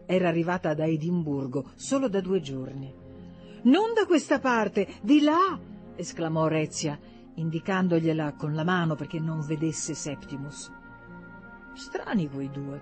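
A woman narrating a literary audiobook in a measured, expressive reading voice, jumping higher when she voices the characters' cries. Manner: expressive reading, lifts pitch sharply for quoted characters.

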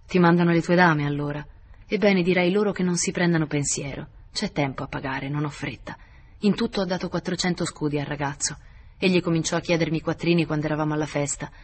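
A placid, sly old woman moneylender, as a male narrator reads her in an audiobook. She talks calmly and without hurry in a slightly raised voice. Faint hiss in the background. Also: on the high side, lightly acted. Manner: placid, unhurried.

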